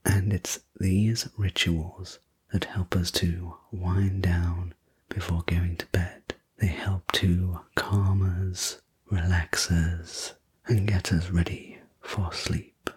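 A man in a soft, breathy whispered role-play, speaking as a soothing, gentle sleep story narrator and attendant. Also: low-pitched, level tone. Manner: slow, gentle, reassuring delivery. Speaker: host playing a sleep room preparation attendant.

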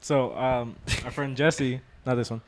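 A man's voice: mid-range voice, steady tone, measured pace, background noise. A young man co-hosting a podcast with casual, slangy, joking banter. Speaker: podcast co-host.

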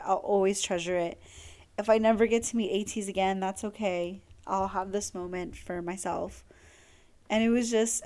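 A young woman hosting a podcast, telling a casual story in an excited, gushing way, full of "like" fillers. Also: mid-range voice. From Latin America. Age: young adult. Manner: gushing, heavy use of "like". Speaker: podcast host.

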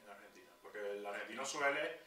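A Venezuelan man co-hosting a podcast, calmly explaining things in casual chat. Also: lowish voice, fast, reverberant, distant mic, crowd noise. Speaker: podcast co-host.

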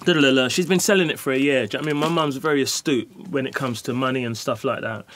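A middle-aged man, a guest telling his story in a lively, casual way and often asking "you know what I mean". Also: medium pitch, very fast, slight background noise.

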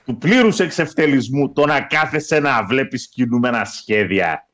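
Teasing male co-host, lively pitch. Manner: teasing, mock-insulting. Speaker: podcast co-host. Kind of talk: casual banter.

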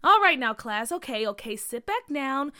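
A woman voicing a calm, patient schoolteacher giving instructions to a class. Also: sits high, moderate pace, exaggerated voice.

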